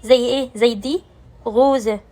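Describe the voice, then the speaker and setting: On a low-quality recording, a woman speaks in a fairly quick voice that sits high. She has an Egyptian Arabic accent and gives a German pronunciation lesson, explaining step by step and answering her own questions.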